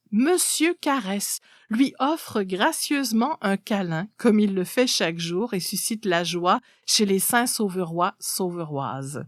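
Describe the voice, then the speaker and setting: A woman narrates a literary story in an expressive reading style. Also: mid-range voice, no room sound, clean studio sound.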